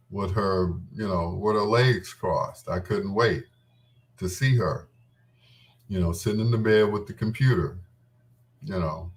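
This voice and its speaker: Recorded from a distance, this lowish-voiced, middle-aged man hosts his own show and looks back on old times casually. He rambles candidly and playfully, telling stories in an informal style and quoting his own past words.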